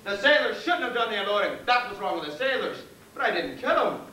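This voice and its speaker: In a live stage play, an actor uses a high-pitched, full character voice with big pitch swings, a quick pace, and a sharp tone. He plays a nervous, groveling Irish convict hangman who rambles on, wheedling and deferential, endlessly calling everyone sir. The recording is from far off in an echoey theater with faint hiss.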